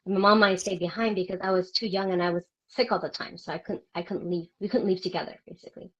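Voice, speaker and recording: A woman's voice: mid-range voice, fairly even intonation, fast, a bit bright. Earnest woman on muffled lo-fi audio. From Vietnam. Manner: earnest, reflective, with hesitant restarts. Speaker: guest. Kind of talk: personal interview storytelling.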